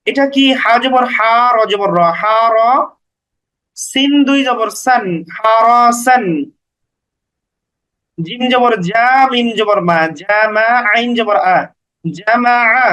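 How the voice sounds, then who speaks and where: High-voiced man drilling letters slowly. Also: sharp tone, rough recording. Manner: patient, syllable-by-syllable drilling with brief explanations. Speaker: Quran reading teacher. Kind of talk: spelling out letters and vowel marks for beginners.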